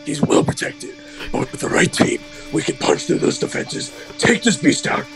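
A man voicing a gruff male military commander giving a mission briefing, in a gravelly, half-whispered delivery. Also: a little high, lively intonation, moderate pace, faint music behind. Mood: commanding. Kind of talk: dramatic voice acting of a game briefing.

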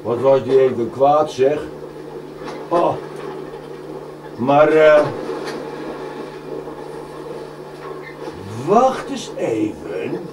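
A man voicing a panicky young male sailor and prankster who stammers and shouts frantically in a live puppet show. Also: mid-range voice, pitched below the performer's own voice. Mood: indignant. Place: museum room. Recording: echoey room, distant mic, noisy.

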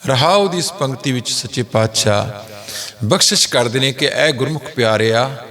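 A middle-aged man giving a sermon, slowly chanting scripture lines and then explaining them plainly. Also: mid-range voice, a bit bright. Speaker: Sikh preacher.

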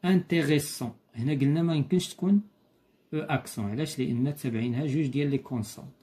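A man with a Moroccan Arabic accent teaches a school lesson in a warm voice that sits on the high side. He patiently repeats key points and reads examples slowly.

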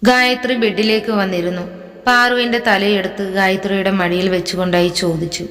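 Female storyteller reading a romance aloud, mid pitch, reverberant room, faint music bed. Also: steady tone, brisk. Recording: long reverb with soft music.

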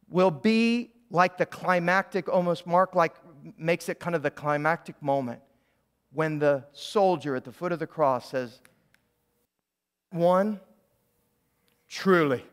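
A man's voice: on the high side, clear, resonant tone. A man preaching a sermon as a pastor in a church, stopping and restarting phrases and asking the congregation to repeat lines after him. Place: church sanctuary.

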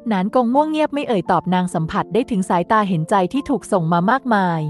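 A woman narrating a translated historical novel in a steady, even reading voice. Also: fairly high pitch, quick pace. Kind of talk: scripted narration. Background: faint background music.

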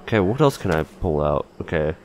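A man's voice: low-pitched, very animated, brisk, noisy background. A man giving casual gameplay commentary, thinking aloud informally as he plays. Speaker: gaming video host.

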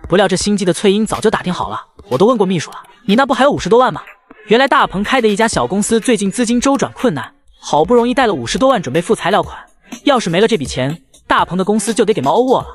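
A man's voice: high-pitched, sing-song, very fast, faint music behind. A man narrating a recap of a short drama, full of mocking quips and jokes. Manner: mocking, quipping asides. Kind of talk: joking recap narration over clips.

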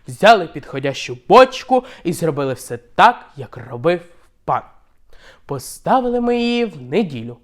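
A young man reading a humorous story aloud, lively and expressive, shifting his volume for effect. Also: on the high side. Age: young adult. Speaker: student reciter.

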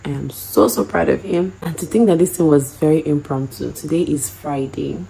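Tired, calm woman with a low, mellow voice. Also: moderate pace, gravelly, a little hiss or hum, low-quality recording. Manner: calm, gushing with pride. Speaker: graduate's wife. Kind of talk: casual talk to camera.

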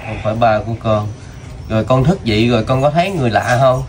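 A man interviewing a child, asking gentle, coaxing questions with many fillers. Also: mid-range voice, expressive, fast talker. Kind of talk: casual street interview. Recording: outdoor video with noticeable background noise.

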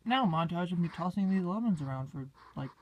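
A playful vlogger walks around outdoors, in a store and in a room with a handheld phone, rambling in casual chat and breaking into silly singing now and then. Medium in pitch, the voice is animated and a little fast, with slight background noise.

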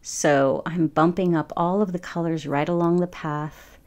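A woman's voice: lowish voice, steady tone, unhurried, darkish tone. A woman in her forties chatting casually over her painting process, rambling with frequent ums. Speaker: watercolor artist.

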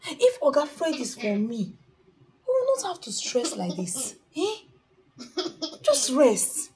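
An earnest young woman scolds and pleads, her fairly high voice rising and falling widely. She speaks slowly and repeats herself. Music runs softly underneath. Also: huge pitch swings, slightly rough, exaggerated voice, rough recording. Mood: pleading. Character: anxious, moralizing young woman scolding a friend. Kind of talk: Nollywood film acting. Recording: film soundtrack with music underneath.

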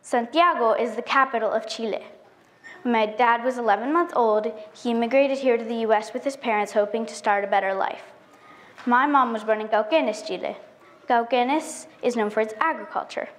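A woman's voice: fairly high pitch, moderate pace. A teenage girl from the United States giving a prepared speech on an auditorium stage, reciting carefully and earnestly. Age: teen. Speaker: student speaker.

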